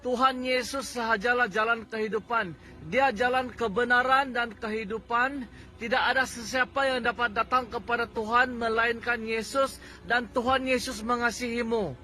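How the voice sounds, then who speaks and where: A woman's voice: a little high, fairly even intonation, moderate pace, bright, forceful tone. A woman preacher evangelizing and leading a prayer in a coaxing, instructive way.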